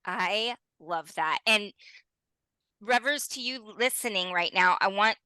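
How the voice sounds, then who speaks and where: A woman's voice: medium pitch, unhurried, bright, forceful tone, clean tone, no echo, poor audio. A young adult woman hosting a podcast interview, bubbly and exclamatory, speaking straight to her listeners. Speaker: podcast host.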